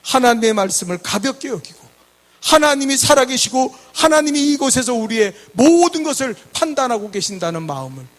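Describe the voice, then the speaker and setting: A man's voice: extremely high pitch, very animated, fairly quick, fairly bright tone. A male pastor preaching a sermon in a church, asking the congregation rhetorical questions and leading them in call-and-response. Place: church sanctuary.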